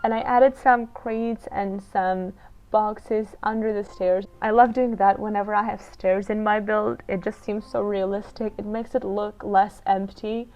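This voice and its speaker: A Czech woman with a Czech accent narrates a game build as a video creator, talking casually and unscripted while explaining her choices. Her voice is medium-pitched and darkish, with fairly even intonation and a measured pace. The lo-fi voiceover sounds dull, with music playing in the background.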